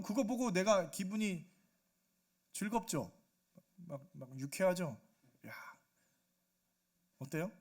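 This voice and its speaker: A man preaching a Sunday sermon as pastor, animated, acting out quoted voices and asking the congregation questions. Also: sits high, breathy edge. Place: church sanctuary.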